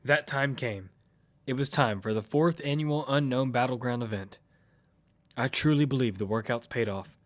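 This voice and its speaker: A man with a mid-range voice, only lightly acted, narrates first-person audio fiction as a determined hero describing his own survival in a matter-of-fact way. He keeps a moderate pace while music plays behind him.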